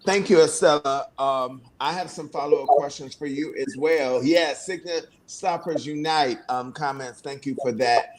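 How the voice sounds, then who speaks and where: A man's voice: on the high side, measured pace, hardly any pauses. A man hosting a livestream panel on a video call, affirming and encouraging his guests. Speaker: host.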